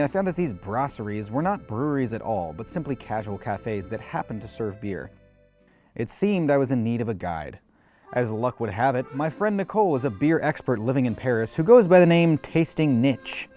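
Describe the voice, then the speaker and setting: A man's voice: mid-range voice, a little mellow. A man hosting a travel show, reading scripted voice-over with dry, tongue-in-cheek humor. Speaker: host and narrator.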